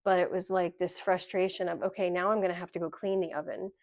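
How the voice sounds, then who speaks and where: A woman's voice: lowish voice, fairly even intonation, fast talker, vocal fry, a little mellow, dry recording, studio quality. A middle-aged woman vlogging a candid personal story, rambling with frequent ums.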